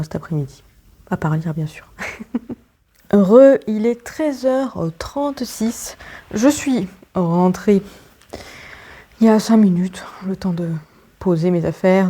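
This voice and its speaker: Husky, dark-voiced woman vlogging casually. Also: on the low side. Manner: rambling, with many fillers and restarts. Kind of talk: casual chatty vlog.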